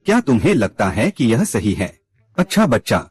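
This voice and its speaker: A male narrator runs through a short drama, delivering every character's lines in one scripted read. His pitch is mid-range and swings widely from line to line. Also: big pitch swings, moderate pace, a little mellow, slightly rough. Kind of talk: scripted recap narration voicing all characters.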